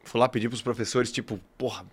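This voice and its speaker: A man's voice: medium pitch, fairly even intonation, fast, husky. A man, an English teacher, talking as a guest in a casual podcast conversation, explaining emphatically with lots of slang.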